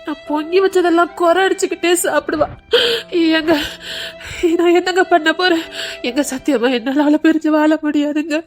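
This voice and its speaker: A woman's voice: sits high, steady tone, moderate pace, soft background music, close to an everyday voice. A woman with a Tirunelveli Tamil accent playing a middle-aged woman who cries and wails melodramatically in a comic skit. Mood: wailing. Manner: melodramatic wailing lament. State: crying. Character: middle-aged woman wailing over her departing friend.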